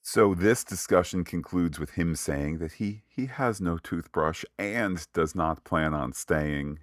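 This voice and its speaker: A man's voice: low-pitched, slow pace, no room sound, studio quality. A man hosting a podcast, recapping an episode with playful, mock-sarcastic asides. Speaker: podcast host.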